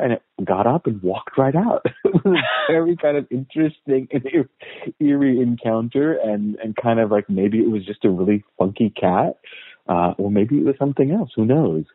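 On a tinny, phone-like line with no room sound, an American man who is a guest historian talks in a medium-pitched voice during a relaxed interview. He's a thoughtful storyteller who often restarts, says "uh" a lot, and repeats words.

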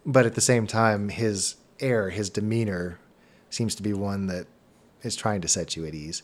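A man's voice: lowish voice, normal speed. A man running a tabletop game as game master, narrating scenes in an easygoing, descriptive way and laughing often.

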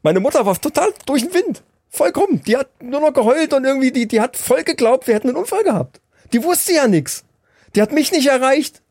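A man tells a story on a podcast in a casual, animated way, and slips into the voices of the people he quotes. His voice sits high and swings widely in pitch. The sound is dry and close, with no room echo. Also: a little fast. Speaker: podcast host.

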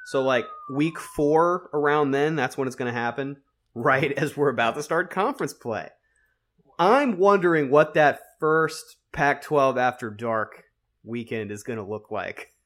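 A man co-hosting a casual sports betting podcast, rambling and animated, with plenty of likes and restarts. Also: medium pitch, unhurried. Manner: rambling and animated, heavy on fillers. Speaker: podcast co-host and betting analyst.

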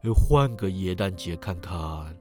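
A man voicing a calm, knowing ghost who speaks slowly and quietly, in a told story. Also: low voice, soft background music, voice pushed down. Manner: slow, hushed and measured. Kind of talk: storytelling narration.

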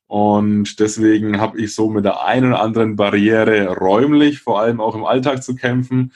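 A man's voice: fairly low pitch, a little mellow. A man of thirty with a Franconian accent and a rolled r, talking about himself as an interview guest. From Franconia, Germany. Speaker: guest, speaker and change coach. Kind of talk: conversational interview, personal account.

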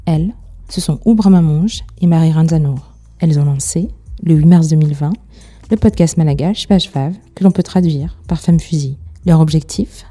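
A woman reading a scripted introduction in a polished, deliberate manner. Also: low voice, mellow. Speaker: narrator. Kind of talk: scripted narration.

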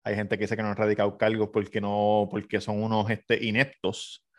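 Puerto rican dude on a podcast, goes exacto exacto, slangy and easygoing. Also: male voice, fairly low pitch, monotone, moderate pace. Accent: Puerto Rican Spanish. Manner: agreeable, repeats words, casual slang. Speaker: podcast co-host. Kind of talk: casual chat.

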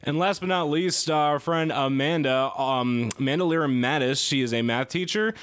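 A man's voice: on the high side, moderate pace, fairly bright tone, smooth. A man co-hosting a podcast, joking and teasing the others. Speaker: podcast co-host. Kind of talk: casual chat.

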